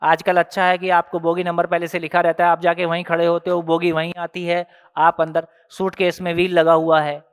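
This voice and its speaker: Smooth-voiced man teaching a workshop. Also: a little high, monotone, fairly quick, big-room sound. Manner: prods the audience with rhetorical questions; explains step by step with everyday examples. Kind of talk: conversational teaching talk.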